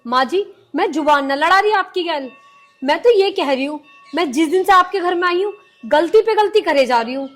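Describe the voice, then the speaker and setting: An actress playing a dutiful young daughter-in-law who speaks earnestly and pleadingly. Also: female voice, extremely high pitch, lively intonation, normal speed, fairly bright tone, faint music behind.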